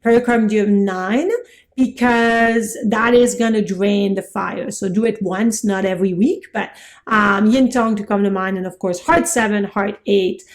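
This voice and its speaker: A middle-aged woman teaching Chinese medicine in a chatty, excitable way, laughing at herself as she goes. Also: medium pitch. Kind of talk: informal lecture.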